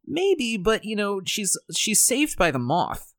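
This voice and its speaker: A man's voice: high-pitched, wildly swooping pitch, slow pace, fairly bright tone, dry recording. A man hosting a casual film recap, talking in a wry, conversational way. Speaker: podcast host. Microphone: own microphone on an internet call.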